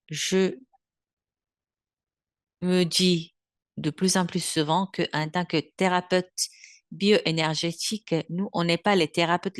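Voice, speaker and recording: A Belgian French woman in her seventies, a bioenergetic therapist, delivers a webinar lecture in a low, deep voice. She talks in an unhurried, thoughtful way, often hesitating as she searches for words. Captured by a computer mic on a video call, the sound is dry and close with no echo.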